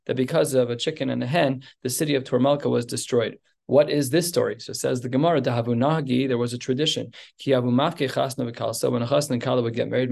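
A man's voice: mid-range voice, gravelly, a little mellow. A man teaching a Talmud class, reading Aramaic phrases and explaining them in plain English with fillers and restarts.

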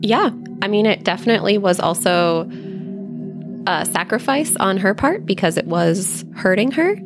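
A woman playing a tabletop game, describing her character in a relaxed, casual way. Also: mid-range voice, moderate pace. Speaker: player. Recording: music bed under voice.

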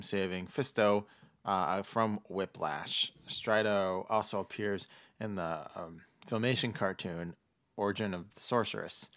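A man with a lowish voice hosts a casual podcast. He talks haltingly, often stopping and backtracking as he explains. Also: a bit bright. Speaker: podcast host.

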